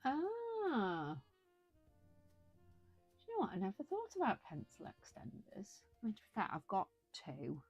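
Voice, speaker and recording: Chatting casually while colouring on a livestream, a tired British woman yawns, rambles, and corrects herself as she goes. Her mid-range, slightly rough voice swoops wildly in pitch, unhurried with long pauses, in a muffled recording without echo and with soft background music.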